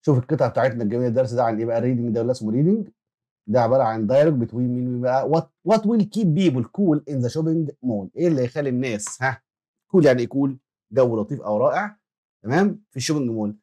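Fast-talking Egyptian male teacher. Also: medium pitch, expressive, mellow. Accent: Egyptian Arabic. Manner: quick, repeats words for pupils to echo and asks them questions. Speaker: English teacher. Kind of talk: classroom lesson explanation.

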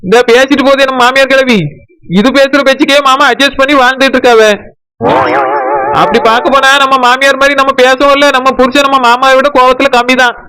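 A woman's voice: high voice, level tone, fast, bright, forceful tone, pitched below the performer's own voice, poor audio. A woman voicing a confident young village wife who reassures her sister-in-law in Tirunelveli Tamil. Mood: reassuring.

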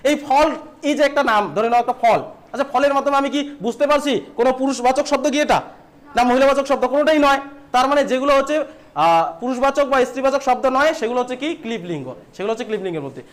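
A young man from West Bengal teaching an online lesson to students. He asks questions and answers them himself, again and again. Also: extremely high pitch. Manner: asks and answers his own questions, repeats "thik ache". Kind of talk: online exam-prep lesson.

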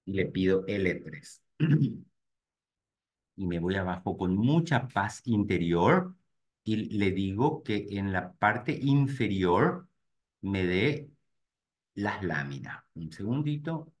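A low-voiced man leads a live webinar for real estate agents. He speaks straight to his audience and narrates each click out loud as he works through the screens. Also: very animated, slow, pauses often. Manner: talks to "gente" directly while clicking through screens, thinking aloud. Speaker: real estate marketing instructor.

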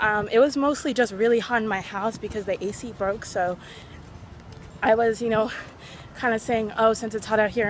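A woman's voice: mid-range voice, a little hiss or hum. A young woman talking casually to the camera in a vlog, chatty and rambling with fillers. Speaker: vlogger.

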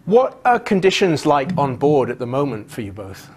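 A man presenting live TV news from a studio, asking brisk, polite questions. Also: mid-range voice, big pitch swings, slight background noise.

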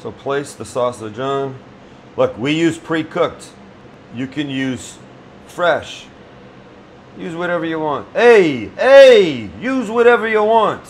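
The voice is fairly high and expressive, delivered at a slow pace over a slight hiss or hum. It belongs to a middle-aged chef and cooking show host giving a casual demonstration in a small restaurant kitchen, joking bluntly and cursing freely.

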